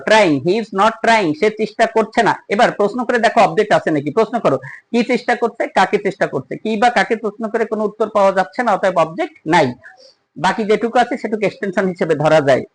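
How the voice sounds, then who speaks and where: An English teacher delivers a spoken grammar lesson in a medium-pitched voice, explaining things one step at a time. The teacher puts questions to the listener and slows down when reading the example sentences. The recording sounds rough.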